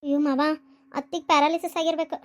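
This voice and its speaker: A woman's voice: sits high, level tone, fast talker, pitched below the performer's own voice, natural voice. Woman voicing a sly daughter-in-law, North Karnataka Kannada accent, sing-song mock lament, comedy skit. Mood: mock-sad.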